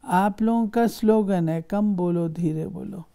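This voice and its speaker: A woman reads a spiritual discourse in a very warm, mellow voice. Her delivery is measured and instructive, and she keeps posing questions to her listeners. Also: medium pitch, clear, resonant tone. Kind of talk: reading a spiritual discourse aloud.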